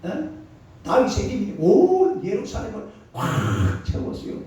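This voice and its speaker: Animated pastor in an echoey sanctuary. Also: male voice, high voice, a little slow. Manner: animated call-and-response preaching, colloquial and emphatic. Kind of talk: sermon. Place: church sanctuary. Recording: distant, echoey, dull church recording.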